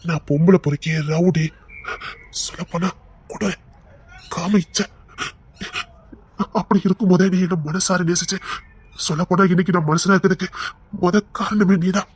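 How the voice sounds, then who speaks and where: A man playing a rough but remorseful husband who earnestly begs his wife to leave, in an audio drama. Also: sits high, steady tone, moderate pace, long pauses, a little hiss or hum, close to an everyday voice. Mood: pleading. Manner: earnest, pleading, sorrowful. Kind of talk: Tamil audio story acting.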